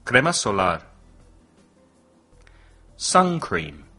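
Slow, husky male English teacher. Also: fairly low pitch, sing-song, bright, forceful tone, soft background music. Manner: slow, deliberate vocabulary drills with repetition. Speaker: English teacher and podcast host. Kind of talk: bilingual language lesson podcast.

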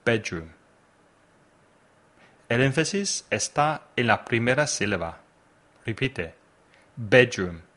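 A man teaches a podcast language lesson at a very slow, careful pace. His pitch moves lively up and down as he patiently asks the listener to repeat each word. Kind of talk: slow, deliberate English lesson with drills.

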